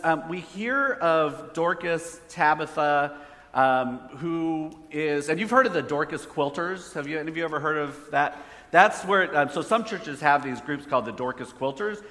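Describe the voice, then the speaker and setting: This man's voice sits fairly high and sounds pushed and bright as he preaches conversationally and questions the audience. The echoey hall reverb is prominent, with a phone hotspot handling the slides.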